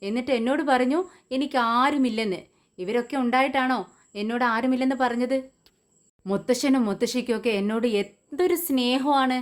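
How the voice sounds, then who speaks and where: A woman's voice: high-pitched, fairly quick, close to an everyday voice. A woman voicing a curious little girl. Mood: puzzled. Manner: pestering questions. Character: curious little girl questioning her mother.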